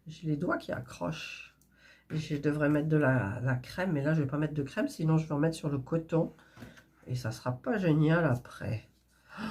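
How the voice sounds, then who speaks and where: Getting her embroidery threads ready, this woman vlogs about cross-stitch, chatty and rambling with lots of fillers and restarts. She has a stuffy nose and a low, husky, somewhat mellow voice.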